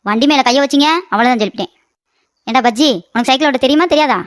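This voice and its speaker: Woman voicing a sharp-tongued older mother-in-law. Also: sits high, no room sound, studio quality, lightly acted. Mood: scolding. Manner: scolding, quick and sarcastic. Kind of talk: cartoon comedy voice acting.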